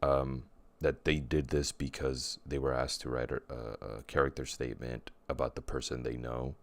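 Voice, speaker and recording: Very deep-voiced rambling male co-host. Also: little pitch movement, moderate pace, no echo. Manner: rambling, often restarts and corrects himself. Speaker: podcast co-host. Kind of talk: casual chat.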